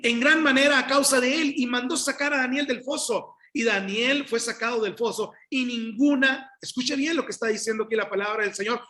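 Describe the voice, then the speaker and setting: Male pastor, high voice, sermon with scripture readings and commentary. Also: bright, forceful tone. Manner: reads scripture aloud and comments to the congregation. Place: church.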